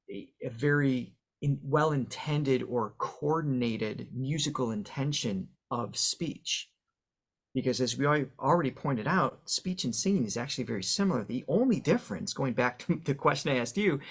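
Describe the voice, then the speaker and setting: A man's voice: medium pitch, gravelly, breathy edge. A man, a voice coach and guest on an interview podcast, explaining how speech and singing work through examples, with the odd filler.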